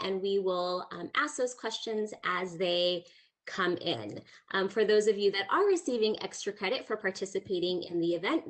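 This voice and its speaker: Woman, mid pitch, panel moderator on a video call, organized. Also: fairly bright tone. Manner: friendly, organized, with fillers. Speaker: career services event moderator.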